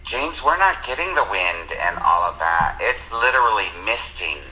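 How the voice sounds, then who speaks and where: A man's voice: lowish voice, expressive, normal speed, sharp tone, poor audio. A man heard over a phone on speakerphone, chatting casually and explaining at length as a friend calling in to a live show.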